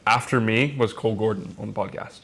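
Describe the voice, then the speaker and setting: A man's voice: on the low side, brisk, fairly bright tone. A young man talking as a podcast guest in casual, slangy, sweary chat with a friend. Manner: informal, slangy speech. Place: villa on a Greek island, in-person podcast.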